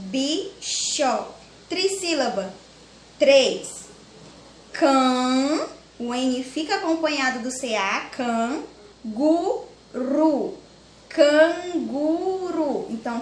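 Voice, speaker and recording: Patient Brazilian teacher, echoey room. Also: female voice, sits high. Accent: Brazilian Portuguese. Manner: slow, patient, spells syllables out one by one. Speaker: primary school teacher. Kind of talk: recorded remote grammar lesson for children. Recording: echoey room with faint hiss.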